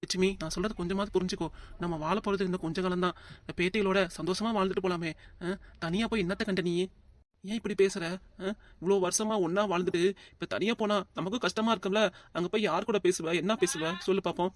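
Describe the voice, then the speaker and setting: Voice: medium pitch, fairly even intonation, racing, natural voice. Someone voicing a weary, complaining old grandfather. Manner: complaining, reasoning, sighing.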